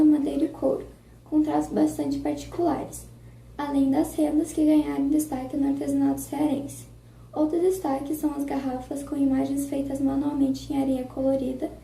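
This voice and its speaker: Flat, high woman reading in a roomy space. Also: vocal fry, a little hiss or hum. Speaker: student presenter. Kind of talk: reading a prepared school text. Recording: roomy, distant recording.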